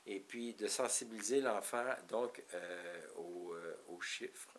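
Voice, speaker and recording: A man's voice: deep voice, takes it slowly, a little hiss or hum. Rambling Québécois man teaching parents. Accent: Québécois French. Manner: rambling, explanatory, many restarts. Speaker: parenting educator. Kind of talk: informal teaching talk.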